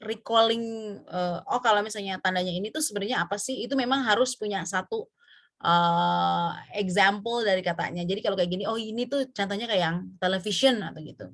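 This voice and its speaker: A woman with an Indonesian accent teaching an English pronunciation class, drawing out example words slowly and pausing with fillers. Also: medium pitch, a bit bright. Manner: slow, drawn-out example words with many fillers. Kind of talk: online class lesson mixing Indonesian and English.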